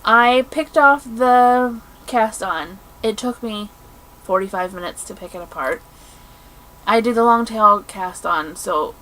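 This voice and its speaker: A woman co-hosting a podcast in casual chat, telling stories in an animated, exasperated way. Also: medium pitch, low-quality recording. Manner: animated, exasperated storytelling with laughs. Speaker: podcast co-host.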